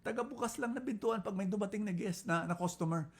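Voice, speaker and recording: Animated Filipino man preaching. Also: fast, slightly rough. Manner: animated storytelling with jumps in pitch and volume; mixes Filipino and English. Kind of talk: inspirational talk.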